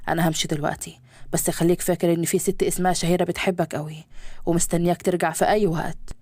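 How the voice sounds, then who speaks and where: A woman's voice: lowish voice, level tone, very fast, a little mellow, no echo, pitched below the performer's own voice, natural voice. Woman reading as a remorseful rich father. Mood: teasing. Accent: Egyptian Arabic. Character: wealthy middle-aged father, remorseful and tender.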